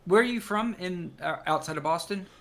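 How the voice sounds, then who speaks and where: A man's voice: high-pitched, brisk, creaky, fairly bright tone. Wry laid-back man from Texas. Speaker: guest, singer-songwriter. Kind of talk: casual interview chat.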